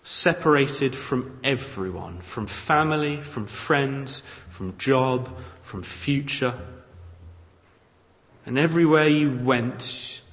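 Male preacher, measured and emphatic, unhurried, recorded in a reverberant hall. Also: medium pitch, fairly bright tone. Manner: measured, emphatic, dramatic scripture reading. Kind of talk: expository sermon. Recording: long reverb of a large hall.

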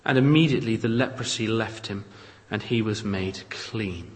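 A man preaching an expository sermon, reading scripture aloud with measured, dramatic emphasis. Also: fairly low pitch. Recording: long reverb of a large hall.

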